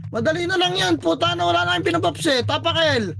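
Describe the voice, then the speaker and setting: A man leading his squad in live team voice chat during a shooter match, barking rapid commands, counting down and swearing. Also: extremely high pitch, creaky, pushed and bright, a little hiss or hum. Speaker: squad leader calling shots.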